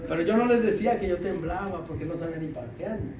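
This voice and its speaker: Man, deacon, lively sermon storytelling, high voice, distant echoey church hall. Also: fast talker, over a noisy crowd. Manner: animated storytelling with laughter, drops voice low for quoted lines. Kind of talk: sermon testimony. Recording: echoey room from far off with faint ambience.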